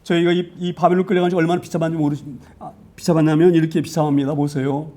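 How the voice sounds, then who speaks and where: A man's voice: a little high, little pitch movement, fast, dark tone. A man preaching a sermon, emphatic, with frequent hallelujahs and rhetorical questions to the congregation.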